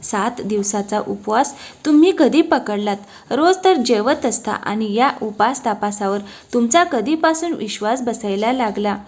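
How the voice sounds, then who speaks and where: A woman's voice: on the high side, expressive, unhurried. A woman voicing a bristling, shy young wife. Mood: indignant. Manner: indignant, bashful.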